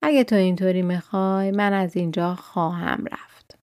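A woman voicing a gentle tiger who wants to be a cat. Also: lowish voice, no room sound, clean studio sound, close to an everyday voice. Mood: pleading.

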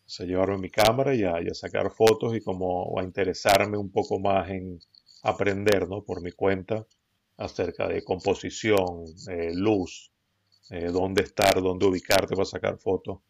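A middle-aged man with a Venezuelan accent, telling his story as a podcast guest in a relaxed, rambling way with many fillers and restarts. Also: sits low, normal speed, creaky, dry recording. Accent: Venezuelan Spanish. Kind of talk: casual conversational storytelling. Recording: dull lo-fi recording.

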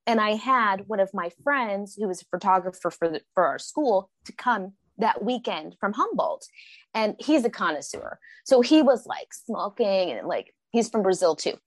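A woman from Oklahoma, a guest on a casual podcast chat, telling stories with lively acted-out quotes. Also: mid-range voice, moderate pace, no echo. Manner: animated storyteller, acts out quotes.

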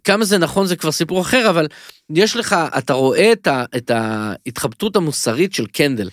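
A man co-hosting a casual TV-recap podcast, talking in animated, rambling bursts with many restarts. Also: fairly high pitch, dry recording, studio quality. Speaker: podcast co-host.

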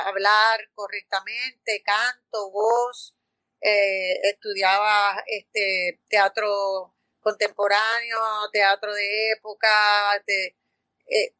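A Puerto Rican actress, appearing as a guest in a conversational interview, tells stories in an animated way with lots of fillers and restarts. She speaks with a Puerto Rican Spanish accent in a mid-range voice, and the recording has no echo.

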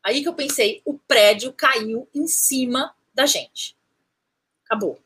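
A woman, recounting a personal story as an interview guest, animated, restarting phrases and acting out what people said. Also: high-pitched, slow, husky. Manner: animated, restarts phrases, acts out quoted speech.

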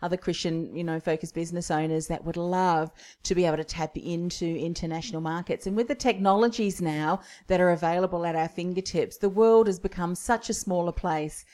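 A woman's voice: on the low side, brisk, hardly any pauses, mellow. Encouraging woman hosting an interview. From Australia. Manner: encouraging, long flowing questions. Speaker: podcast host.

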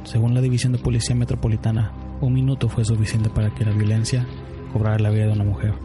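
Low flat guy narrating a grim true story, music underneath. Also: quick pace. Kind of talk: scripted narration. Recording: music bed behind voice.

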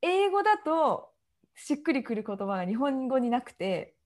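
A woman's voice: high-pitched, moderate pace. A young woman from Japan co-hosting a podcast, chatting casually and laughing often as she tells stories. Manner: animated, laughs often while telling stories. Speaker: podcast co-host. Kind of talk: casual chat.

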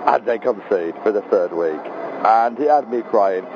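A man's voice: fairly low pitch, moderate pace. A man from Grimsby, a comedian, leaving a jokey, rambling voicemail over the phone while outdoors at a train station. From Grimsby, England. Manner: jokey, rambling, self-deprecating. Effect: heard over a phone voicemail line. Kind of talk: casual chatty voicemail message. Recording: muffled phone line with loud street and train noise.

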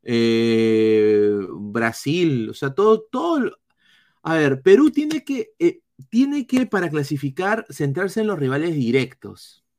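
A Peruvian man hosts a live football analysis stream, answering chat comments in a blunt, cursing way. His voice sits a little high for a man, and he stops and restarts often. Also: lively intonation, a little mellow. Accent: Peruvian Spanish. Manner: blunt, swearing, halting restarts.

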